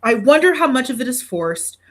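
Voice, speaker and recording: A woman's voice: sits high, big pitch swings, a little fast, fairly bright tone. A woman hosting a podcast in casual chat, swearing freely and poking fun at herself with dramatic exaggeration. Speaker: podcast host.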